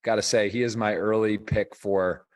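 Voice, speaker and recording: A man's voice: lowish voice, fairly even intonation, normal speed. A man giving conversational live poker tournament commentary as the host of a stream.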